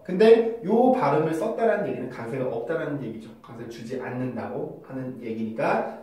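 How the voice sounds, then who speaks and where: This casual video lesson features a man teaching English pronunciation, patiently explaining and switching between polite and casual registers. His voice is a little high and a little mellow. The audio comes from a distant phone camera with a mic, in a very echoey room.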